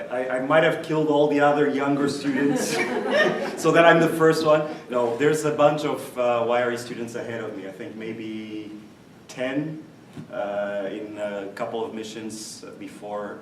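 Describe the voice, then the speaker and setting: A man's voice: mid-range voice, recorded from a distance, slight background noise. Reflective man speaking from across an echoey room. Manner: reflective, self-deprecating humor. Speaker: interview guest. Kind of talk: conversational interview answers.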